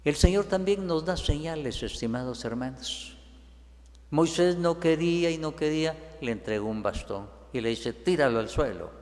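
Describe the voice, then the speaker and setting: A man preaching a sermon as a priest, whose voice rises higher and stronger when he quotes biblical figures. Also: expressive, normal speed, darkish tone. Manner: preaches with rising pitch and force when quoting biblical figures. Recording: long reverb in a large hall.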